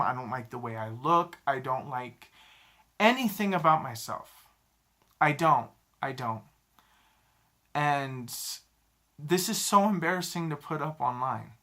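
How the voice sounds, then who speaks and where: A man in his thirties talking to a camera in a halting, self-critical confessional vlog, often repeating himself. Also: medium pitch, bright, forceful tone. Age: 30s. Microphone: camera mic, talking to a camera.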